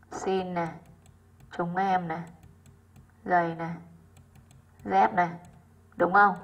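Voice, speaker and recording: A woman's voice: lowish voice, breathy edge, muffled recording. A woman English teacher going over exercise answers with her pupils, often checking in with rhetorical questions.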